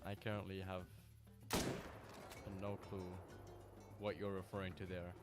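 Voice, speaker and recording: Running low on sleep, a man streams a hunting game live, chatting casually and greeting viewers by name. His deep voice is flat and measured, with a clear music bed playing behind it.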